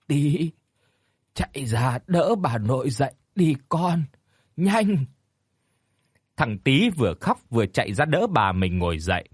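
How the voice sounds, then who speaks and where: A man tells a horror story with a lively, rising-and-falling delivery and a grave, dramatic edge. His voice is slightly husky, recorded close and dry with no room sound. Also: medium pitch, dry recording.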